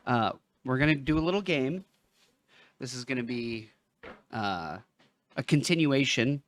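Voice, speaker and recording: A man co-hosting a casual podcast chat, playful and joking with sudden loud bursts. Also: medium pitch, expressive, measured pace, a little hiss or hum. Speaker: podcast co-host.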